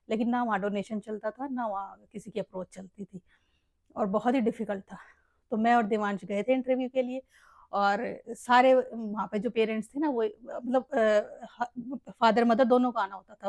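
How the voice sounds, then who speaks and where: A woman's voice: a little high, a little mellow, no echo. A middle-aged woman with a Haryanvi accent, a mother and family vlogger, chatting casually and emotionally with rambling asides. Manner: emotional, rambling, often addresses listeners as "bhai". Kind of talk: casual heartfelt vlog chat.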